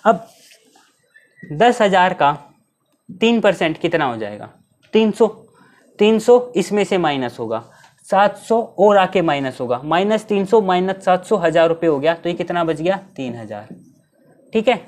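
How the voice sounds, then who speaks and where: A high-pitched, animated male teacher leads an exam-prep math lesson, explaining each step and putting rhetorical questions to his students. He reads English questions slowly and mixes Hindi with English.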